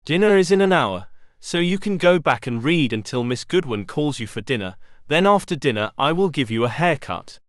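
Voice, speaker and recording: A man's voice: a little high, animated, normal speed, few pauses, no room sound, studio quality, lightly acted. A man voicing a strict, stern man who runs a children's home and barks short orders at the children.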